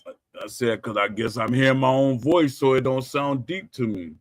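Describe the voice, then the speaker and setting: In a dry recording, a middle-aged man with a mid-range voice hosts a podcast at a normal speed. He rambles casually through stories on a livestream, often restarting and correcting himself as he reads out comments from the live chat.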